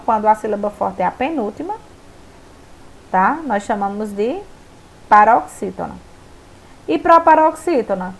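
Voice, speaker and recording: A young woman teaching a recorded remote school lesson, explaining step by step and checking in with her students. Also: on the high side.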